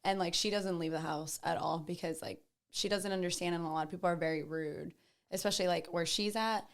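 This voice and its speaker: A woman's voice: fairly low pitch, fairly even intonation, brisk. A woman co-hosting a casual podcast, asking questions in a chatty way, with many fillers. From Arizona, USA. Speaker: podcast co-host.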